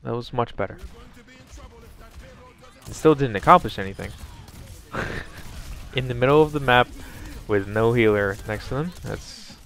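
Man, gravelly voice, casual game commentary, sarcastic, swears a lot. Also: mid-range voice, a little slow, pauses often, a bit bright. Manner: wry, sarcastic, profane. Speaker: gameplay commentator.

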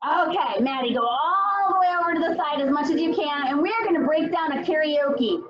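High-pitched woman aerobics instructor. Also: a little fast, dull audio. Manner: encouraging, cueing in short commands. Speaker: kids' fitness instructor. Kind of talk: aerobics instructor calling out drills and counts.

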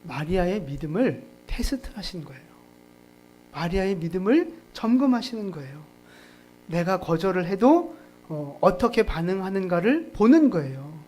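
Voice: mid-range voice, sing-song, moderate pace, a little mellow, a little hiss or hum. A pastor preaching a sermon at a church service in a conversational, joking way, often laughing and putting questions to the congregation.

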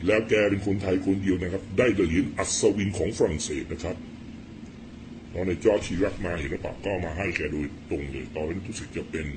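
A blunt, rough-spoken middle-aged man tells stories and rants about politics in a casual monologue. His voice sits low, and a faint hiss of background noise runs under the recording. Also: steady tone, fairly quick. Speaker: political commentator.

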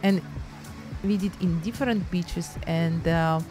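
Filming on a handheld phone at arm's length, a painting vlogger in her thirties talks in chatty, broken English with a Ukrainian accent, moving between beach and studio. She speaks at a measured pace in a lowish voice over music.

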